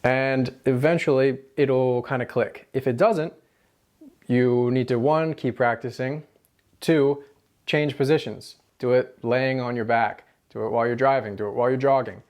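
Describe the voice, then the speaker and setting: Male language tutor, American accent, mid-pitched, casual instructional delivery with rolled R drills. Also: fairly even intonation, normal speed, darkish tone. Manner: demonstrates rolled and tapped R sounds, repeating example syllables and words. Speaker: language teacher.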